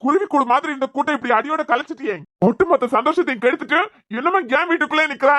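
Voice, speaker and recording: A woman voicing an angry, threatening middle-aged father in a cartoon series, with a Kanyakumari Tamil accent and a shouting, scornful way of talking. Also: high voice, racing, dry recording. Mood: accusing. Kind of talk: cartoon web series voice acting.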